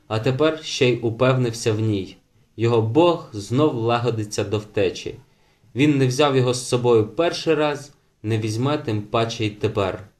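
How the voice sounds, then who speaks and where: A man narrating a novel as an audiobook in a measured, steady reading manner. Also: mid-range voice. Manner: measured, slows for chapter titles.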